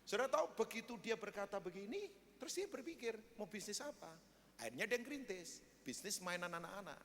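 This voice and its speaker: A man's voice: sits high, big pitch swings, quick pace, a bit bright, slight background noise. A male pastor preaching a sermon, telling stories in a chatty way and asking the congregation questions. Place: church. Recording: echoey church hall.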